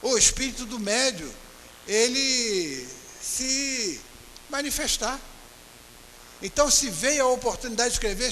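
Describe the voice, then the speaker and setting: A man with a Brazilian accent giving a religious talk at a spiritist center, retelling anecdotes and slowing down to stress each teaching. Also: extremely high pitch, bright, forceful tone. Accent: Brazilian Portuguese. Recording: hall reverb with faint hiss.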